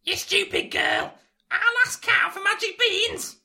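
A woman playing an exasperated mother who scolds her daughter in a shouting panto style. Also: very high voice, fairly quick, full character voice. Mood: scolding.

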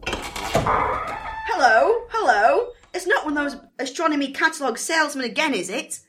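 A woman's voice: high-pitched, very animated, normal speed, fairly bright tone. A woman playing a chatty, motherly giant's wife who fusses over a visitor. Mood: fussing. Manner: chatty, fussing.

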